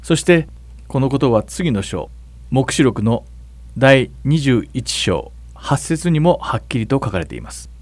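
A man serving as pastor, calmly explaining scripture in a Bible question-and-answer talk. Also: mid-range voice, unhurried, no room sound. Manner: calm, explanatory, asks partner to read verses. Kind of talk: Bible Q&A teaching.

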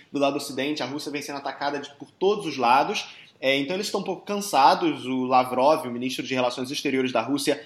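A man giving conversational analysis as a commentator, talking hesitantly with many filler pauses. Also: mid-range voice, roomy sound.

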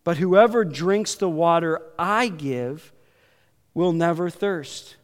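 Patient authoritative teacher, measured softer delivery, long hall echo, a preacher reading him. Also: male voice, a little high. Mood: solemn. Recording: echoey hall with long reverb.

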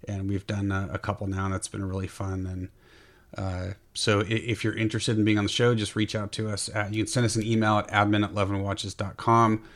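A man hosting a podcast in casual chat, halting and repeating words as he goes. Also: on the low side, little pitch movement, a bit bright. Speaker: podcast host.

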